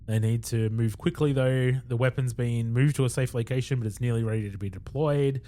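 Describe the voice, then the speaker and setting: A man's voice: mid-range voice, fairly even intonation, fairly quick, mellow. Australian man casually recapping an episode. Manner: rambling plot retelling with fillers and chuckles. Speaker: podcast co-host.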